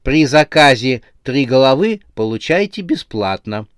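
A man's voice: medium pitch, very animated, a little slow, smooth, no room sound, studio quality. A man voicing a pushy cheerful young female shop seller in a horror audiobook, with gushing, insistent sales patter.

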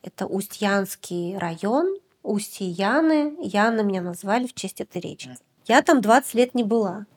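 A woman's voice: medium pitch, lively intonation, moderate pace, slightly rough. A woman documentary director from Yakutia, talking through her work in a podcast interview, reflective and full of hesitations. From Yakutia, Russia. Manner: reflective, hesitant, many filler sounds.

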